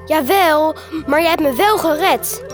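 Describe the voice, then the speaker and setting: A man voicing a tiny, cheerful, loyal fluffy male creature in a children's story, squeaky and eager. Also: slow pace, soft background music. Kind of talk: storybook narration.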